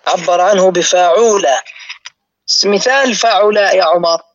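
A man teaching a lesson on word patterns, who speaks slowly and repeats each pattern for his students. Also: sits high, fairly bright tone. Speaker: teacher of Arabic morphology. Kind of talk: live online lesson. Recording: muffled lo-fi audio.

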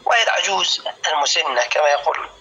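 A man teaching a classical Arabic lesson, slowly spelling out word patterns syllable by syllable and calling students by name. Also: a little high, animated, bright, forceful tone, rough recording. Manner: addresses students by name, asks if clear.

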